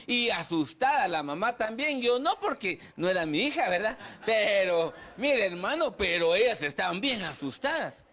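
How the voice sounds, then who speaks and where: A man's voice: high-pitched, sing-song, moderate pace, few pauses, pushed and bright. A man preaching a sermon, putting questions to the congregation and acting out their complaints. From Guatemala. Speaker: pastor. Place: church.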